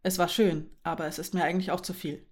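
A woman voicing a tired, literal-minded young man who speaks plainly and calmly in a German audiobook. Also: fairly low pitch, quick pace, close to an everyday voice. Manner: plain, matter-of-fact.

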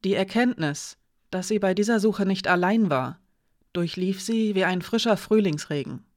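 An audiobook narrator reading a fantasy story in an even, clear storytelling manner. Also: medium pitch, normal speed, no room sound, studio quality. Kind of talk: scripted narration.

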